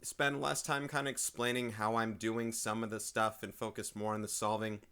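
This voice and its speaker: A man teaching a casual video math lesson, chatty and thinking aloud, often clearing his throat and apologizing, speaking into a desk microphone. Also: lowish voice, level tone, normal speed, pushed and bright.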